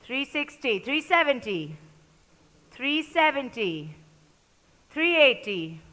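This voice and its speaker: Female auctioneer, forceful and fairly high-pitched, calling bids in repeated short phrases, big reverberant hall. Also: sing-song, slow pace. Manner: repeats bids and prompts in short, clipped calls. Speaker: auctioneer at a sports player auction. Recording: echoey large hall with long reverb.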